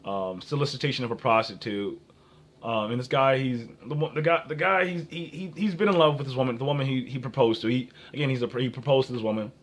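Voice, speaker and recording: A young American man talks off the cuff, handing out advice and personal stories. His delivery is halting and rambling, with phrases broken off and started again. His pitch sits in a middle range for a man. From Minnesota, United States. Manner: halting, often breaks off and repeats phrases. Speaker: dating advice vlogger.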